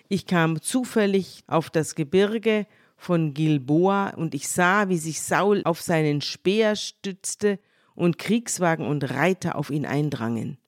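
An older woman co-hosting a podcast, retelling a Bible story in lively conversation and voicing the quoted lines in her own voice. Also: low-pitched, no echo, clean studio sound. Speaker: podcast co-host.

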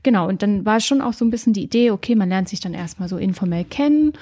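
A woman's voice: mid-range voice, fast, warm tone, slightly rough. A woman talking as a podcast guest in a casual conversation, thinking aloud with many fillers and hedges.

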